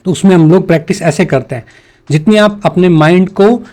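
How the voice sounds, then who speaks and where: Male English teacher, slightly high voice, patient and repetitive, classroom explainer. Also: warm tone. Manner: patient, repeats examples slowly, switches between two languages.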